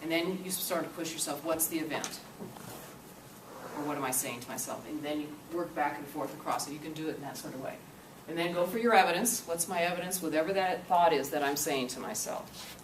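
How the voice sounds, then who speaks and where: A low-voiced woman leads an interactive workshop in a classroom or meeting room, talking fast with few pauses and coaxing her listeners with frequent "okay?" checks. A far-off camcorder captures her, so the room echoes and a steady noise hums underneath.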